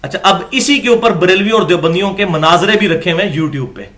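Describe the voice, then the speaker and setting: This man's voice sits high with a fairly bright tone. He delivers a religious lecture by reading from books and making his case argumentatively, building to emphatic peaks.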